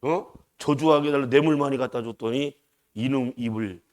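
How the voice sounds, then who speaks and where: A man's voice: mid-range voice, normal speed, darkish tone. A male pastor preaching at an early-morning service, emphatic and rising and falling, often calling out to the congregation for a response. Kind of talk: dawn service sermon.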